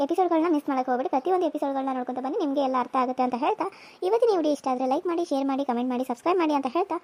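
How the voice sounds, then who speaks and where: A woman's voice: sits high, a little mellow. A woman hosting her cartoon channel, chatty and pleading for views. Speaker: channel host. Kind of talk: casual outro appeal.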